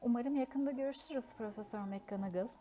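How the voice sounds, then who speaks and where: A woman voicing a wise, elderly male wizard who speaks calmly and evenly, in a storybook reading. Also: fairly high pitch, a little fast, slight background noise, lightly acted. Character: calm wise old male headmaster wizard.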